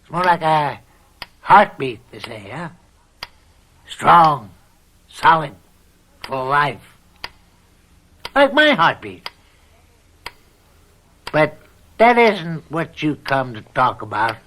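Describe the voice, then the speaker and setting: An actor playing a callous, lecherous older uncle in a radio drama, mocking, folksy and blunt in manner. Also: male voice, fairly high pitch, very animated, takes it slowly, pauses often, pushed and bright, exaggerated voice. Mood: boastful, sly. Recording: old radio recording with faint noise.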